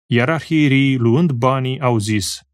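A man reading scripture aloud in a solemn, slow and measured way, pausing phrase by phrase. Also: mid-range voice, no echo, studio quality. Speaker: scripture reader.

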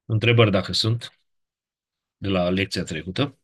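A Romanian man teaching a Latin lesson, his voice low and husky. He explains step by step and keeps checking that the students follow. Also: steady tone. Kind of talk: classroom lecture.

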